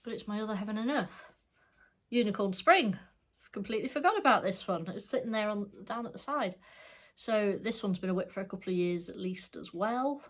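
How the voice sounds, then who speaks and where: A middle-aged woman with a congested, stuffed-up voice animatedly shows her cross stitch, talking fairly quickly in a mid-range voice. Her show-and-tell is casual, rambling and full of self-corrections.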